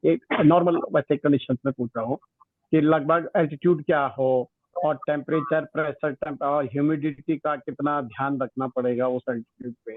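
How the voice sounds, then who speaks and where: Male caller, hesitant, tinny phone line breaking up, dry, slightly raised pitch. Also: steady tone, normal speed, no room sound. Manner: hesitant, repeats "hello" and restarts his question. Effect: phone line breaking up, cutting in and out. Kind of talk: caller asking a question on a phone-in show.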